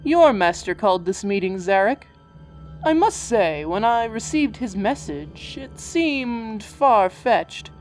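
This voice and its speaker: A woman's voice: mid-range voice, animated, takes it slowly, soft background music, poor audio. A woman voicing an angel guild leader in an audiobook, speaking in a poised, formal way.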